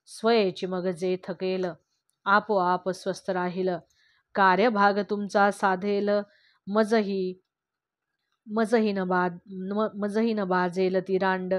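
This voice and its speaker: A woman reading devotional verse aloud in a steady, measured recitation. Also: medium pitch, no echo. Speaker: reader of a devotional text. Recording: slightly dull, dry lo-fi recording.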